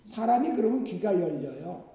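High, gravelly-voiced male preacher in echoey hall. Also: very animated, normal speed, dark tone. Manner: conversational preaching with rhetorical questions. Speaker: pastor. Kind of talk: sermon.

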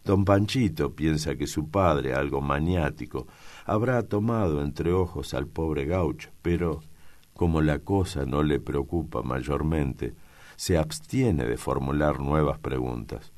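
Very deep-voiced male narrator. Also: a little slow, darkish tone. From Argentina. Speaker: audiobook reader. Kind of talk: scripted literary narration.

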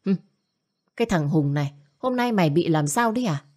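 A woman's voice: on the low side, animated, fairly quick, darkish tone. A woman voicing an older, domineering mother who scolds and wails in self-pity. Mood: nagging. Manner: scolding, nagging, wailing.

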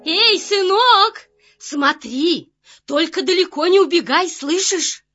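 A woman's voice: extremely high pitch, lively intonation, takes it slowly, fairly bright tone, dull audio, full character voice. A woman voicing a watchful, nagging mother fox in a children's audio story, chiding in a motherly way. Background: faint music.

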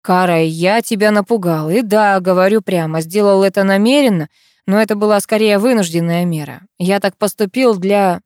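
A stern army colonel who speaks in firm, clipped, insistent phrases, as a woman reads him. The audiobook voice sits close and dry, with no room around it. It stays at a middle pitch. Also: moderate pace, darkish tone, no echo, natural voice. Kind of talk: audiobook character voice.

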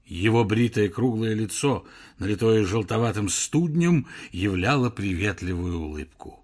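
A man narrating a story in expressive, scripted audiobook style. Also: fairly low pitch, measured pace.

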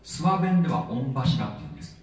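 A man preaching a sermon in a chatty, lively way, with plenty of filler words. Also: sits high, racing. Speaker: pastor. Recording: echoey hall, voice from far off.

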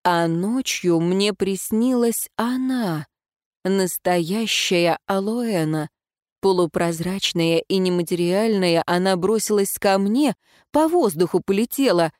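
A woman reading a first-person story aloud in an even, reflective narration. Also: mid-range voice, slow, dry recording, studio quality. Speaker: audiobook narrator.

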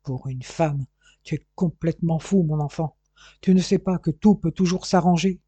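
A man's voice: on the high side, normal speed, dark tone, husky, dry recording. A man voicing an anxious, stern but loving father who gives urgent orders. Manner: urgent, commanding.

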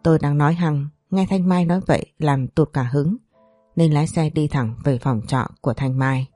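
A woman's voice: sits low, moderate pace, mellow, no echo, soft background music. A woman narrating a first-person romance story in a brash, teasing voice. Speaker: audiobook narrator.

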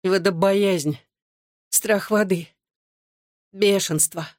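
A weak, feverish girl pleads in a hoarse near-whisper, put on by a woman reading a storybook. The voice sits a bit higher than the reader's own and sounds close and dry, with no room around it. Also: steady tone, very slow, darkish tone, no room sound.

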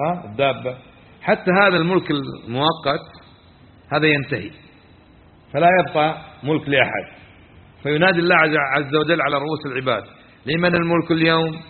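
Man teaching in a tinny echoing hall. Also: a little high. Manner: quizzes listeners and repeats key phrases. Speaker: religious teacher. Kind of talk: classroom lesson explaining scripture. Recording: tinny phone-like sound with long hall reverb.

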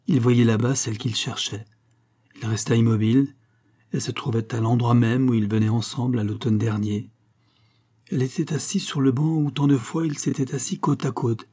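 A man reading a short story aloud in a calm, measured way. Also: medium pitch, husky. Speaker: audiobook narrator.

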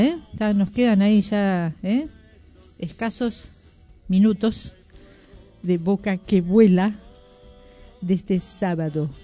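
Mellow-voiced relaxed radio host. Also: medium pitch. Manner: relaxed, chatty, joking with a co-host. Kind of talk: casual radio chat.

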